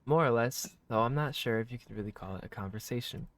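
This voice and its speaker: In a quick, mid-range voice with no echo, a man streams a visual novel let's play. He reads along and comments casually, using slang, effusive praise and swear words.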